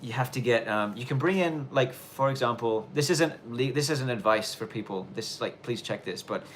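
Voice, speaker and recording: Speaking at a medium pitch against slight background noise, a thirty-something Australian man chats through viewer questions on a live stream. There's a mix of Australian and London in his accent, plus a little Irish twang. His delivery is rambling and self-correcting, full of restarts, yet purposely clear.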